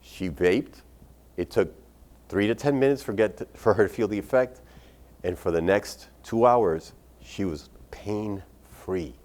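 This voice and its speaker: A male doctor who recommends medical cannabis gives a talk at an expo, mixing patient stories with advice. His voice sits on the low side, and his delivery is candid and loose, with casual profanity. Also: a little slow, darkish tone.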